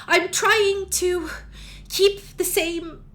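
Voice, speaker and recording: A woman's voice: very high voice, fairly even intonation, drawn-out words, a bit bright, voice pushed up, exaggerated voice. A woman voicing a nervous young changeling boy who pleads and stammers. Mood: anxious pleading.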